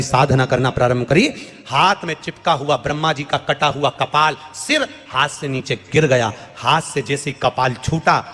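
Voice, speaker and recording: A man's voice: on the high side, a bit bright. A man telling a devotional sermon story to an audience, repeating phrases for emphasis and calling out questions to the crowd. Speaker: preacher. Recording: long hall reverb with faint music.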